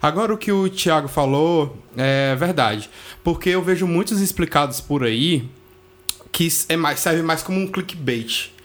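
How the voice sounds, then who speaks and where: A man's voice: a little high, a little slow, fairly bright tone. A man, co-hosting a podcast in casual chat, blunt and swearing freely as he thinks aloud. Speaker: podcast co-host. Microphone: studio microphone.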